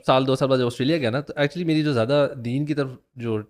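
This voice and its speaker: A middle-aged man talks through his own story in relaxed conversation. He drops English phrases into his Urdu with ease, and his voice sits at a middling pitch. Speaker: guest telling his story. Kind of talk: casual chat.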